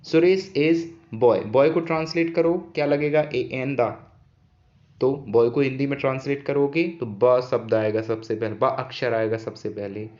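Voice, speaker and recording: Teaching English grammar with patience, a man repeats important points by asking them as questions. His medium-pitched voice is steady and a bit dark, delivered at a moderate pace. Sound quality is dull and lo-fi.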